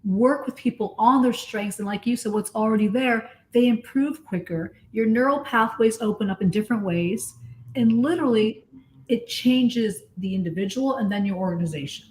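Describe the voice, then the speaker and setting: A woman's voice: on the high side, normal speed, a little mellow, a little hiss or hum. A woman coach in a casual discussion, talking in an earnest, explanatory and emphatic way. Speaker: coach and guest.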